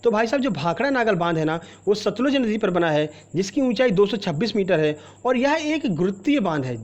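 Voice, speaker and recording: High-voiced man teaching quiz questions. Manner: explanatory, repeats questions and options, addresses viewer directly. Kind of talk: exam-prep quiz lesson.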